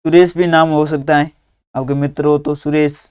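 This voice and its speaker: Slow, patient man dictating a lesson. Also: fairly high pitch, little pitch movement, darkish tone, smooth, dry recording, studio quality. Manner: slow, patient dictation, spelling out words one at a time. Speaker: teacher. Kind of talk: workbook lesson for young children.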